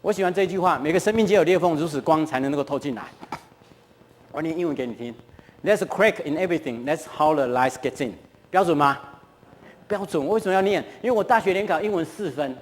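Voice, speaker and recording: A middle-aged man with a Taiwanese Mandarin accent tells stories to a church audience in a chatty way, often turning to ask them questions. His voice sits high for a man. The sound rings on with a long reverb from the church hall. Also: quick pace. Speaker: guest lecturer at a church. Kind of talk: lively storytelling talk to a live audience.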